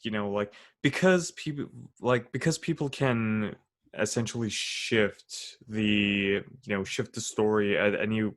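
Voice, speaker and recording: A man's voice: lowish voice, steady tone, unhurried. A young man co-hosting a podcast in casual chat, rambling with many fillers and restarts. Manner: rambling, full of "you know" and "like". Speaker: podcast co-host.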